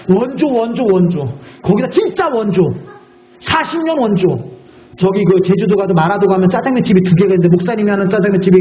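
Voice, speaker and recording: A male guest pastor preaching a sermon in a church sanctuary, emphatic and full of rhetorical questions. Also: high voice. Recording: echoey church hall, dull audio.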